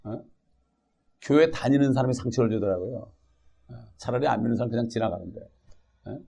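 With a mid-range, creaky and husky voice, this male pastor reads from scripture before launching into an animated sermon. He frequently poses rhetorical questions to his congregation.

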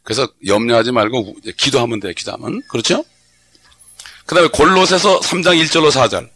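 Middle-aged man, pastor, conversational sermon, gravelly rasp, prods congregation with questions. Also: medium pitch, fairly quick, sharp tone. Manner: conversational preaching with frequent call-and-response questions.

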